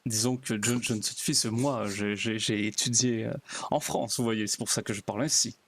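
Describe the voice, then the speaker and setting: A man's voice: on the low side, steady tone, normal speed, fairly bright tone, dry recording. A man roleplaying a naive pastor in a game, talking in a hesitant, stammering, overly polite way. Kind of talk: in-character roleplay chat.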